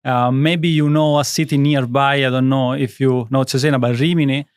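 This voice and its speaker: Man, Italian accent, thirties, crisp smooth voice, dry studio sound, earnest rambling guest. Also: medium pitch, steady tone, normal speed, no echo. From Italy. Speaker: guest, skincare brand founder. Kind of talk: interview conversation.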